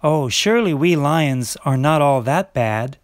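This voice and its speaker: A man playing a scheming, sly male lion in an amateur stage play, speaking in a smooth, mocking, mannered way. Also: fairly high pitch, expressive, measured pace, dry recording, clean studio sound.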